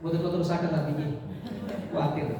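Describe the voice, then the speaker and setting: Javanese-accented male mosque teacher, animated storyteller, distant mic in a long-echo hall. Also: fairly high pitch, fast talker, a crowd in the background. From East Java, Indonesia. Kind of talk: mosque lesson on prayer recitation. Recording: echoey hall from far off.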